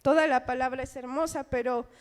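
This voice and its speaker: A woman with a high-pitched, brisk voice and fairly even intonation preaches an impassioned sermon in a church. She keeps addressing the congregation as "hermano," or brother, and asks the listeners rhetorical questions.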